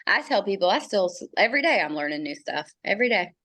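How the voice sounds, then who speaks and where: A woman's voice: mid-range voice, big pitch swings, quick pace, a bit bright. A woman guest in a casual podcast chat, talking in an earnest, reflective way with many fillers.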